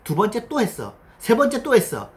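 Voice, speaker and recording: A man's voice: high-pitched, huge pitch swings, moderate pace. A middle-aged man lecturing casually as a developer, blunt and teasing, swearing now and then and acting out quoted asides. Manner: voices his past self and others in quoted asides. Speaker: developer giving career advice.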